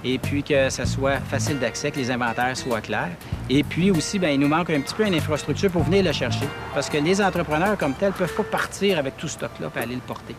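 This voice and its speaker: A man's voice: fairly high pitch, fast, music in the background. A man with a Québécois French accent, explaining his views in an interview.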